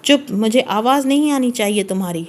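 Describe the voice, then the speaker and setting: A woman's voice: on the high side, natural voice. A woman reading the part of a stern, jealous young husband in an audiobook, commanding and harsh. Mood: angry. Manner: commanding and harsh, then softening.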